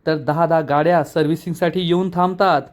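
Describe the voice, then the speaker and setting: A quarrelsome young mechanic who teases his friend and brags about his lucky vest, as a man reads his lines in a recap. He sounds mocking and a touch high, with an everyday voice. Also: steady tone, fairly quick, natural voice. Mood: taunting. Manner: taunting, mocking. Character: boastful young male garage mechanic, quarrelsome.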